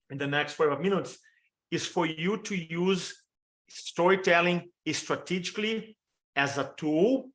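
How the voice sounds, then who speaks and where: Over a video call, a fifty-something motivational speaker with a Brazilian Portuguese accent gives a webinar training talk in a fairly high, somewhat bright voice. Energetic, he reels off example after example in list form.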